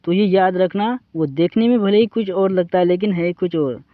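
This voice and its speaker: A man with an Indian accent teaching English vocabulary, reciting verb forms in a slow drilling way and addressing viewers as friends. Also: high voice, dry recording, narrow, tinny audio.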